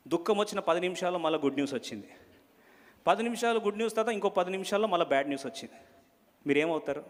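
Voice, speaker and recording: Pastor guy preaching, high voice, quizzes the crowd, big echoey hall. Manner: preaching with questions to the congregation; swings from loud emphasis to soft asides. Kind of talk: sermon. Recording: long hall reverb.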